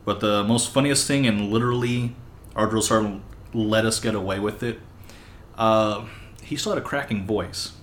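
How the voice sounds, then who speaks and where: A man with a fairly low voice tells loose, rambling stories, dropping in "uh" as he goes. He sounds relaxed and conversational. The room is echoey, with faint background hiss. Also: moderate pace. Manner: relaxed, rambling anecdotes with fillers. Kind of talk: casual chat.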